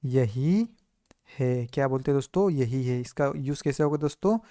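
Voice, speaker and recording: A man teaching spoken English in Hindi, who keeps calling his viewers friends and asks and answers his own questions, slowing down to drill each English phrase. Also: medium pitch, dark tone, dry recording, clean studio sound. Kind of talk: Hindi-medium English lesson, repeat-after-me drills.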